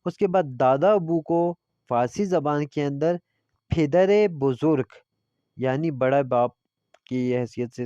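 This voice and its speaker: A man's voice: mid-range voice, warm tone, dry recording. Man teaching Persian, muffled recording. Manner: reads Persian phrases slowly, then explains them in Urdu. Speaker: language teacher. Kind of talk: classroom lesson explanation.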